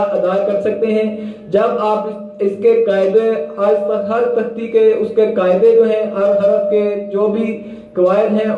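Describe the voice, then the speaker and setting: A man teaching Quran reading, slowly spelling out syllables and chanting them in drawn-out tones between plain explanations. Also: high-pitched, heavy reverb, muffled recording. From Pakistan. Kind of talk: slow spelled-out recitation lesson.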